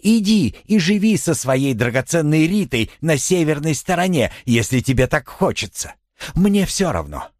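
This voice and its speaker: A man voicing a furious, jealous young wife in an audiobook, with shrill, scornful outbursts. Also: sing-song, measured pace, slightly rough, no room sound, clean studio sound, heavily acted. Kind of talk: audiobook character voice.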